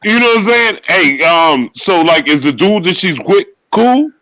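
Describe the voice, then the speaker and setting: A man in his forties on a live stream call, talking in a slow, laid-back way and swearing casually. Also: high voice, expressive, pushed and bright, no echo, highs cut off. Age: 40s. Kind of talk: casual group chat.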